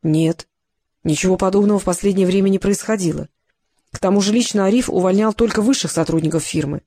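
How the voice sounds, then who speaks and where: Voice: mid-range voice, quick pace, dark tone, no room sound, natural voice. A reader voicing a guarded, cool younger man who answers curtly. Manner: curt and guarded.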